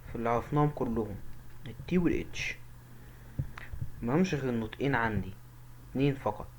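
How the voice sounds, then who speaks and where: A man with an Egyptian Arabic accent teaching English pronunciation, repeating each word slowly and emphatically as a drill. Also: mid-range voice, a little hiss or hum, low-quality recording. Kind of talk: pronunciation lesson.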